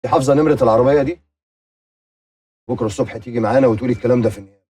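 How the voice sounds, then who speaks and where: A man's voice: medium pitch, very fast, mellow, breathy edge, lightly acted. An actor playing a hard-nosed male boss who questions a young woman in a blunt, mocking, commanding way, with an Egyptian accent. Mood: stern questioning.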